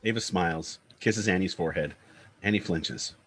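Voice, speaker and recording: Over a bed of guitar music, a man with a low voice narrates a screenplay's stage directions in short, clipped, scripted phrases, keeping a moderate pace.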